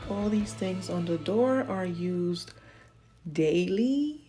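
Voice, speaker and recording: Chatty woman vlogger with a mellow voice. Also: lowish voice, animated, slow pace, soft background music. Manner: chatty, addresses viewers directly with encouraging tips. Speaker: home organization vlogger. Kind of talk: casual voice-over narration of cleaning.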